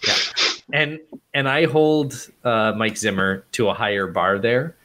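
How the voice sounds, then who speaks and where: A man's voice: on the low side, unhurried, fairly bright tone. A man co-hosting a casual sports podcast, opinionated and thoughtful, often restarting as he builds his point. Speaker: podcast co-host.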